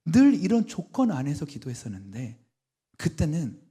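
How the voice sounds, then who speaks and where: A man's voice: a little high, wildly swooping pitch, normal speed, warm tone, husky. A man giving a personal testimony at a church service, telling his story with feeling and acting out the voices of people he quotes. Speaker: guest testimony speaker, drummer.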